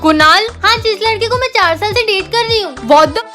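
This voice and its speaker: A woman's voice: very high-pitched, a little fast. A young woman acting out several playful characters in comedy skits. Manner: playful, switches between characters. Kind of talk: comedy skit role-play. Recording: background music.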